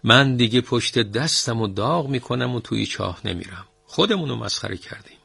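A man's voice: medium pitch, lively intonation, gravelly, bright, forceful tone, slightly rough, no room sound, heavily acted. A man voicing an exhausted well-digger grumbling that he is done with the work. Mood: fed up. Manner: grumbling, fed up. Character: worn-out male well-digger, fed up.

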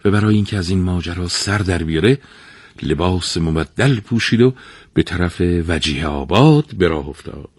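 Deep, husky male narrator for a folktale, lively and dramatic, close and dry. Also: no room sound. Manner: expressive, dramatic storytelling. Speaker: storyteller.

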